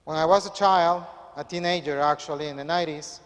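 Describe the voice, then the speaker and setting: A priest, reading the Gospel and preaching in a measured, earnest way. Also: male voice, fairly high pitch, steady tone, clean tone. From Peru. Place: church. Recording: echoey church hall.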